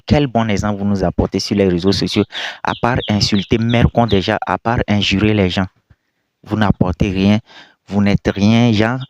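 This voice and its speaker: A young man who isn't a native French speaker comments casually to his viewers in a lowish voice, with slight background noise. He's emphatic and repetitive, scolding them with rhetorical questions.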